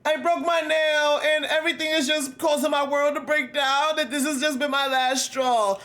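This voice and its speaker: A man mimicking gushing high-pitched young women. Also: steady tone, moderate pace, bright, forceful tone. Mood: gushing mock. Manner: breathy, exaggerated, mocking falsetto. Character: gushing young women fussing over a crying friend.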